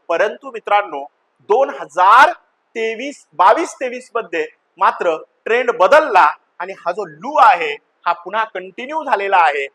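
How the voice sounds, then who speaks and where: A man's voice: high voice, bright, forceful tone. A man teaching a grammar lesson like a classroom teacher, chanting the letters one by one and asking questions he answers himself. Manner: chanting the vowels one by one, addressing students as children.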